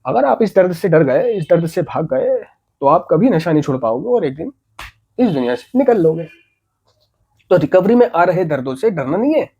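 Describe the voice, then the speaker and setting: A man's voice: on the high side, very animated, moderate pace, dark tone, slightly rough, lo-fi sound. A man giving an earnest, motivational talk about staying off drugs, repeating key points and asking rhetorical questions. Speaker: addiction recovery speaker.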